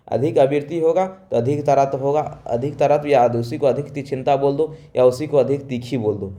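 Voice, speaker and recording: A man teaching a school lesson, loud and emphatic, repeating each point and explaining it in plain words. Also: mid-range voice. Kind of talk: classroom lesson.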